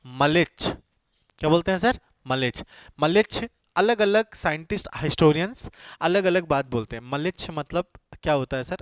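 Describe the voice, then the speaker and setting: Running an exam-prep session, this male coaching teacher keeps asking students one question over and over, then answers it on his own. His high, light voice is smooth, English phrases creep into his talk, and the audio sounds close and dry without any echo.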